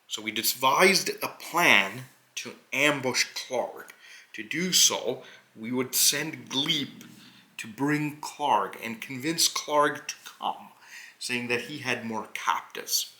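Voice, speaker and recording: A man voicing a noble, earnest hobgoblin adventurer who recounts a tabletop quest with deliberate, halting phrasing and dramatic pauses. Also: mid-range voice, bright, forceful tone. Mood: earnest recounting. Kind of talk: in-character narration of a tabletop adventure.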